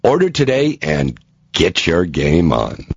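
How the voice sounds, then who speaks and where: A man delivers a salesy infomercial pitch as a scripted ad announcer. His voice sits fairly low and swings in animated fashion. The audio is a bit dull and lo-fi. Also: slightly rough, dry recording. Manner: salesy pitch, spells out web address slowly. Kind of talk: infomercial-style scripted ad read. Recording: dull lo-fi audio with faint music bed.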